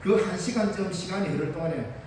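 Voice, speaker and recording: A man's voice: high-pitched, quick pace, a little mellow, a little hiss or hum. Man, pastor, Gyeongsang accent, storytelling sermon, echoey church hall, far from the mic. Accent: Gyeongsang Korean. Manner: storytelling, acts out the dialogue. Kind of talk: Sunday sermon. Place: church sanctuary.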